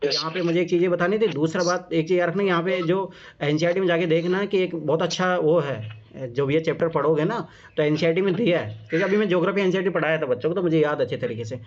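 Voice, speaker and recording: A man's voice: a little high, fast. Casual Hindi-speaking male exam coach. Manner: repeats reminders, casual and encouraging. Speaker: exam coach reviewing answer copies. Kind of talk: informal coaching talk. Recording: muffled lo-fi sound with clear background noise.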